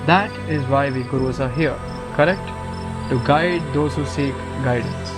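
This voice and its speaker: This student actor takes the part of a kindly, calm guru advising a troubled student in a scripted audio drama, speaking gently, measuredly and instructively. His pitch is medium and close to an everyday voice. He sounds reassuring, with music running under the speech.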